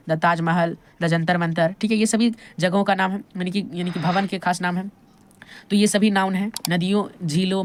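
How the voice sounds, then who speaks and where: A woman's voice: fairly low pitch, a little hiss or hum. A woman with an Indian accent explaining a grammar lesson, checking in with the viewer as she goes and asking questions she then answers herself. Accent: Indian English. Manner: repeats "thik hai" and asks questions to the viewer. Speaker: English grammar teacher.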